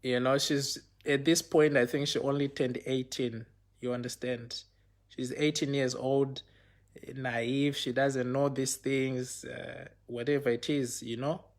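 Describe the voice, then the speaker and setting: With a medium-pitched voice at a measured pace, this man recounts something from his own life for viewers in a casual way. He animates the retelling by acting out the lines and uses plenty of "you know" and "okay."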